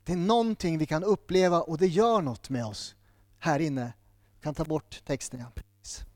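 A man's voice: fairly high pitch, lively intonation, darkish tone, no room sound. A man preaching a sermon in a church, building his points through short repeated phrases.

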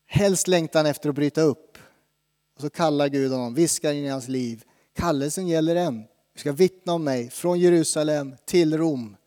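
A man's voice: fairly high pitch, warm tone, in a large hall. A man preaching a sermon in a conversational way, asking the congregation questions. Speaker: pastor.

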